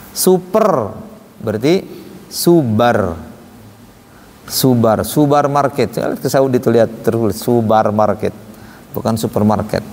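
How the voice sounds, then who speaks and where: A man's voice: mid-range voice, a little mellow. A male teacher giving a lesson on pronouncing Arabic letters, demonstrating each sound and leading group drills in a patient, explanatory way. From Indonesia. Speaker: Quran recitation teacher. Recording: long reverb, faint ambience.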